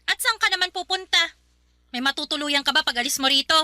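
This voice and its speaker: A woman's voice: high voice, quick pace, bright, forceful tone, no room sound, studio quality. A woman playing a grumpy, sarcastic older sister in her late twenties, scolding in a radio drama. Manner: sarcastic, nagging. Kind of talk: radio drama dialogue in Tagalog love story.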